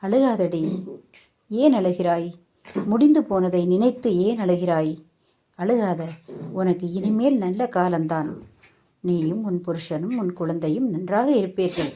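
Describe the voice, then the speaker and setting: A soothing, firm old grandmother from the village, as a woman storyteller puts her on. She speaks slowly and warmly, in a low, mellow voice, pleading for patience. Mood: consoling. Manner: gentle, consoling, pleading.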